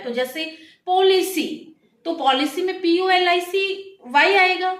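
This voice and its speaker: High-voiced woman teaching in an echoey room. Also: fairly bright tone. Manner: mixes Hindi with English, addresses viewers as children. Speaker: English teacher. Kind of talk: explanatory lesson for children.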